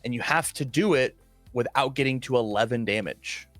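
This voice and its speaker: A man's voice: mid-range voice, moderate pace, no echo, soft background music. A man co-commentating a card game tournament live, talking casually and eagerly, often restarting his sentences. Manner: casual, eager, stumbles and restarts when excited.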